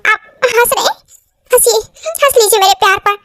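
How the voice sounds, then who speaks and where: A woman voicing a jealous, hurt young wife in a fan-dub drama, pleading and quick to anger. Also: very high voice, sharp tone, heavily acted.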